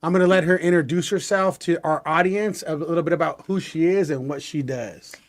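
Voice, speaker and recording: A man hosting a casual interview podcast, easygoing and quick to laugh. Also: fairly high pitch, no room sound. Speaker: podcast host.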